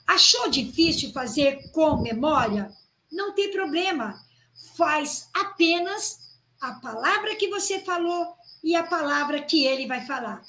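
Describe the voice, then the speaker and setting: Woman, high voice, teacher lecturing, keeps checking in with listeners, roomy echo. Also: animated, unhurried, a bit bright. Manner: addresses the audience as "gente", checks with "né?" and "ok?". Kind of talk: lecture on classroom activities.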